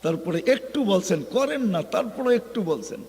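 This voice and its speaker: Impassioned preacher, high voice, echoing hall. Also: male voice, lively intonation, moderate pace. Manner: impassioned, swinging from hushed to shouted. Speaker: Islamic preacher. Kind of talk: sermon. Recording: echoey hall reverb.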